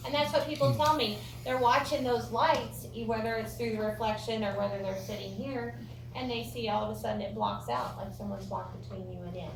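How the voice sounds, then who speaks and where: American female ghost tour guide, informal and jokey storyteller, fairly high voice, picked up from afar with clear noise. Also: fairly even intonation, a little fast. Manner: folksy, joking, chatty storytelling. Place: indoor room of an old theatre. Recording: roomy echo, distant mic, clear background noise.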